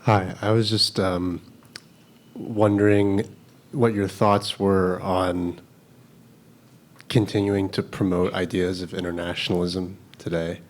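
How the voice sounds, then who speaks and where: Deep-voiced man asking politely. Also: flat delivery, takes it slowly. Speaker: audience member asking a question.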